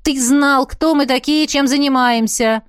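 A man's voice: extremely high pitch, steady tone, measured pace, a bit bright, dry recording, studio quality, voice pushed up. A woman reading an audiobook, voicing a cheeky young male elf thief who squabbles indignantly. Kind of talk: audiobook character voice.

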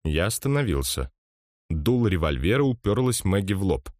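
Low-voiced male audiobook narrator. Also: very animated, moderate pace, a little mellow, no room sound, studio quality. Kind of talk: scripted first-person narration.

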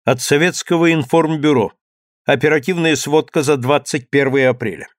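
Solemn state announcer, played by a man, wartime radio bulletin, declamatory, measured emphatic delivery, dry close sound. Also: fairly high pitch, no room sound, natural voice. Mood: solemn, proud. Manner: solemn, measured, emphatic enunciation of each name.

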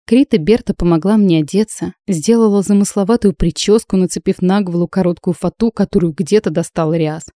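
A woman narrating a fantasy novel in the first person, lively and expressive. Her voice is mellow and somewhat low. The recording is dry and close, with no room sound. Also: dry recording. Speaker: audiobook narrator.

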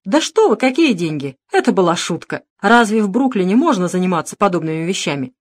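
A woman's voice: mid-range voice, very animated, brisk, dry recording. A woman voicing a frightened, blustering middle-aged male swindler in an audiobook, in a whiny, defensive tone. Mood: fawning. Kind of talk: audiobook narration.

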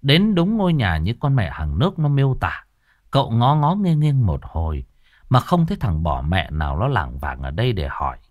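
A man narrating a ghost story in an earthy, colloquial, expressive way. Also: lowish voice, normal speed, no echo.

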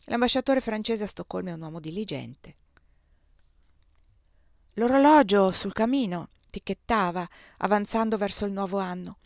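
A woman reading a novel aloud in a measured, expressive first-person narration. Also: medium pitch, no echo, studio quality. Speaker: audiobook reader. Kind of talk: scripted narration.

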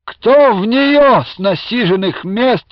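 A man reading aloud, doing an old Cossack with a high, squealing, obsequious voice that bows and scrapes as it complains. The sound is dull and lo-fi like an old radio broadcast, with a dry, close feel. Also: animated, slow pace, no echo. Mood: fawning complaint. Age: older.

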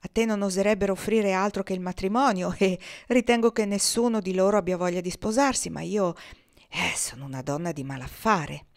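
A woman's voice: mid-range voice, brisk, close to an everyday voice. Woman voicing a worldly frontier woman, teasing, ironic, storybook reading. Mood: wry. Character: wry worldly frontier woman, self-mocking.

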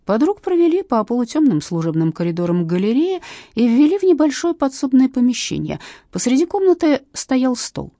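A woman narrating a detective novel aloud in a lively, expressive way. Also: sits high, a little fast, no echo, clean studio sound. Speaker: audiobook narrator.

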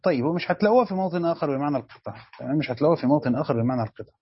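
A husky-voiced Egyptian sheikh, somewhat high-pitched for a man, teaches Quran commentary with lively intonation at a racing pace, questioning his class and repeating key phrases to drive them home. The recording is dry with no room sound and a little dull, like a lo-fi lesson.

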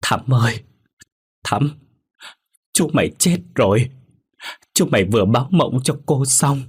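Man doing older village wife, raised pitch, frantic, stammering, ghost-story voice. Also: normal speed, breathy edge. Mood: sobbing. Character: older village wife, tough but terrified.

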